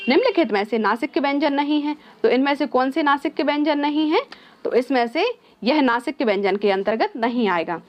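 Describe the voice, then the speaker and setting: Woman, exam-prep teacher, fairly high voice, answers her own questions, mixes in English words, slightly muffled recording. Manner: asks questions then answers them herself. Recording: slightly dull, lo-fi sound.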